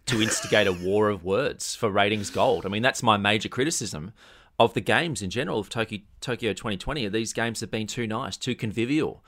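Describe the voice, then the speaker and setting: A man's voice: on the low side, fairly quick, a bit bright. An Australian man hosting a podcast in casual, comedic sports chat, with a blokey, tongue-in-cheek, slangy way of talking. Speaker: podcast host.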